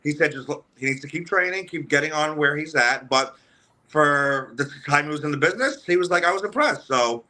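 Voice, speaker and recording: Bright-voiced man rambling in an interview. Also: on the high side, expressive, fairly quick. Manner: rambling with many restarts and "you know" fillers. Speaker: wrestling manager guest. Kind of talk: casual interview talk. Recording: remote call audio.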